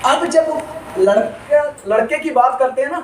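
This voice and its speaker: A high-voiced man delivers a live motivational seminar, spinning humorous stories and acting out the people in them. He sounds distant in a strongly echoing hall, with an audience murmuring and clear background noise throughout. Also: measured pace. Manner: animated, humorous storytelling, acts out characters. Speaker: motivational speaker. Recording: echoey hall, distant mic, crowd noise.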